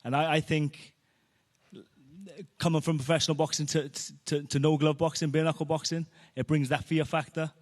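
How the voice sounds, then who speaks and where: Welsh fighter being interviewed, earnest, stumbles a bit, voice a touch high. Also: male voice, level tone, moderate pace. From Wales. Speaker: boxer guest. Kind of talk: interview answers. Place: indoor arena venue.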